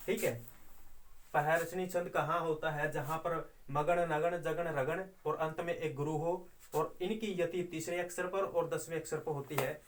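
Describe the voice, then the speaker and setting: A middle-aged male teacher with a slightly raised pitch, walking students through verse meter in a recorded lesson. He explains patiently and step by step, counting syllables one by one and chanting sample lines slowly. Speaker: Sanskrit teacher. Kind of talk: online exam-prep lesson.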